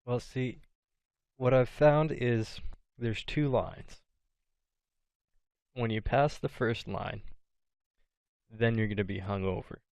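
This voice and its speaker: A man's voice: mid-range voice, slow pace, long pauses, a little mellow, dry recording. A young man chatting casually on a podcast, telling party stories with dry, swearing humor. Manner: swearing, storytelling, dry jokes. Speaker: podcast co-host. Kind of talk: casual chat.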